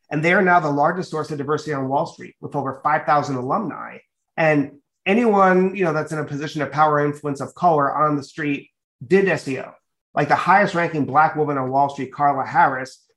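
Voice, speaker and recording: A middle-aged man, raised in a Dominican family in the United States, answering interview questions earnestly and fluently, with many "you know" fillers. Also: a little high. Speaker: guest, media company executive.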